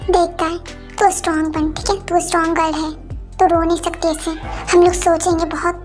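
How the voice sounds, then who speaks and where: A woman's voice: very high voice, flat delivery, brisk. A woman voicing a loyal young woman friend who firmly scolds and reassures, over faint music. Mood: reassuring.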